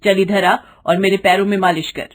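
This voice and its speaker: A woman voicing a harsh, scolding middle-aged mother-in-law who shouts and taunts her daughter-in-law, in a storybook reading. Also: medium pitch, little pitch movement, brisk, lightly acted. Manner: shouting, taunting, mock-sweet with guests.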